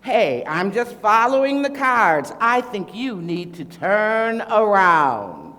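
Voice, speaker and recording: Man doing a slow, deadpan fortune teller, high and sing-song, in a reverberant hall. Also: full character voice. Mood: mysterious. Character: theatrical male fortune teller who reads cards.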